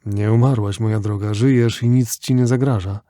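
Little girl voice out of the void, read by a guy, soft slow calm, warm dry tone. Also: fairly low pitch, dry recording, close to an everyday voice. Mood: gentle.

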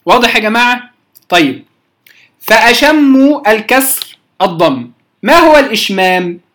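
Teacher going thru word forms, keeps checking the class gets it, drags out words slowly to spell them, mid pitch. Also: lively intonation, a bit bright. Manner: checks in often, slows down to spell out words sound by sound. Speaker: teacher of Quranic readings. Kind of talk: recorded lesson explaining word forms.

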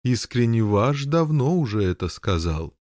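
A man's voice: mid-range voice, big pitch swings, a little slow, darkish tone, no room sound. Man narrating a storybook, dry close sound. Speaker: audiobook narrator. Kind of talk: scripted narration.

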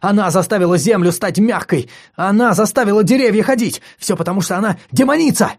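A man's voice: a little high, pitched above the performer's own voice. A man doing a ranting, unhinged young student. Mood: frantic. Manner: excitable, ranting, rushed. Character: frantic, deranged young male student.

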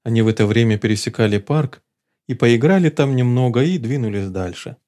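A man reading a novel aloud as an audiobook narrator, telling the story in a steady, measured way. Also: mid-range voice.

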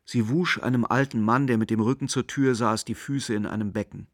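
A man narrating a radio drama in a slow, measured, melancholic manner. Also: medium pitch, fairly even intonation, dry recording, studio quality, lightly acted. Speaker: narrator and main character.

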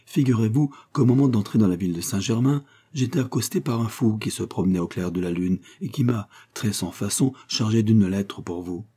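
Brief: male reader as ardent lovesick page, deep husky voice, audiobook. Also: fairly quick, hardly any pauses, dark tone. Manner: earnest, fervent courtly speech. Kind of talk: audiobook character voice.

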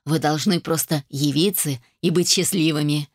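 Woman voicing a bossy, brisk mother. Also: low voice, steady tone, no echo, studio quality. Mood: commanding. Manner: brisk and commanding. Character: bossy energetic mother planning an engagement.

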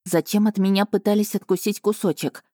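Woman doing a sarcastic young heroine, teasing and quick to get indignant, dry close sound. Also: medium pitch, steady tone, mellow, no echo, pitched above the performer's own voice, close to an everyday voice. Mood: alarmed. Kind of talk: audiobook character voice.

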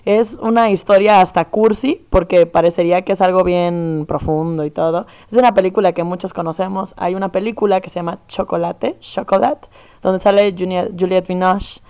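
Thoughtful young Mexican woman, smooth voice. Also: on the low side, fairly even intonation, normal speed, mellow. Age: young adult. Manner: thoughtful, earnest, explains at length. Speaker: performance artist guest. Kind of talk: conversational interview.

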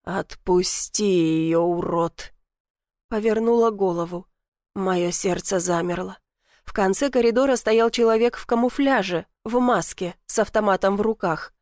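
A woman's voice: mid-range voice, moderate pace, darkish tone, no echo, studio quality. A woman reading a first-person novel aloud, telling it tensely and dramatically. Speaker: audiobook narrator.

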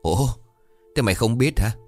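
A man's voice: medium pitch, lively intonation, moderate pace, soft background music, voice pushed up, lightly acted. A man voicing a cheerful, teasing older village uncle in a spoken ghost story. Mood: jovial. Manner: teasing, boisterous.

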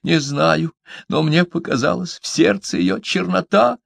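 A man voicing a shaken young woman who sobs as she speaks, in a high pleading voice. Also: unhurried, gravelly, breathy edge, no echo, heavily acted. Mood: tearful. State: sobbing.

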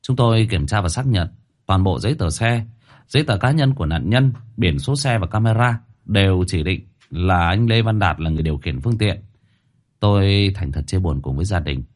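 A man's voice: low voice, animated, normal speed, darkish tone. A man voicing a police officer who reports in a formal, official tone, in an audio story.

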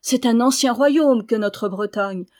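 A woman's voice: medium pitch, fairly even intonation, unhurried, mellow, close to an everyday voice. A woman reading the part of a dying old Breton lord who declaims a rousing prophecy in an audiobook. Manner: impassioned, rising declamation.

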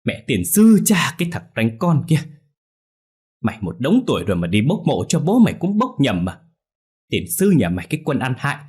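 A man's voice: mid-range voice, a little mellow, breathy edge, voice pushed up. A man voicing a furious old village mother who curses and scolds her grown son. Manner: cursing, shrieking scolds.

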